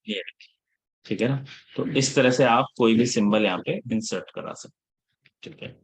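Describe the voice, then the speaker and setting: A man's voice: mid-range voice, animated, moderate pace. Hindi-speaking man teaching a casual class. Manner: casual Hinglish teaching, checks in often with the class; scolds students about attendance. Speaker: instructor. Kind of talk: live class lecture.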